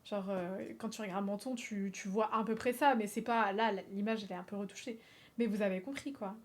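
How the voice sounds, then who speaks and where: A woman from France chatting on a livestream, animated and swearing freely, laughing often and slipping in English phrases. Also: mid-range voice, a little fast. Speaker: streamer. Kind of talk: casual livestream chat.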